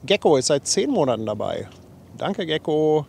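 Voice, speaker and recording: A man fighting a cold, his nose a bit runny, hosts a livestream from a harbour riverbank, chatting casually and reading viewer messages with self-deprecating humour. His voice sits on the high side with big pitch swings, gravelly, darkish and a bit breathy, at a normal speed.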